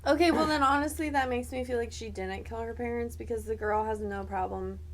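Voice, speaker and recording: A woman's voice: on the high side, fairly quick. A woman co-hosting a podcast, chatting casually and informally as she reacts to a story. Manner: informal, peppered with "like". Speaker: podcast co-host.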